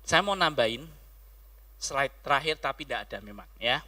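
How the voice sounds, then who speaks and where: A male pastor giving an animated sermon, swinging from loud calls to hushed words. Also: medium pitch, moderate pace.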